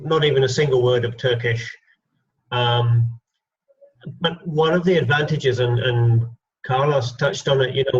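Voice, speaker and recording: A man, a guest house sitter, speaking thoughtfully with many pauses in casual panel chat over a video call. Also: mid-range voice. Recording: dull lo-fi audio.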